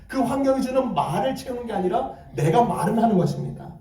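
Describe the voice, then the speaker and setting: A man with a high, mellow voice delivers a sermon and stresses his key phrases. The pulpit mic sits some distance away. The church hall around him rings with echo. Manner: emphatic preaching, repeating key phrases. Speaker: pastor. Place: church sanctuary.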